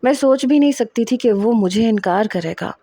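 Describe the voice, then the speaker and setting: A woman's voice: a little high, mellow, no echo. A woman narrating a romantic first-person story, reading in a dramatic, emotional way and acting out the dialogue.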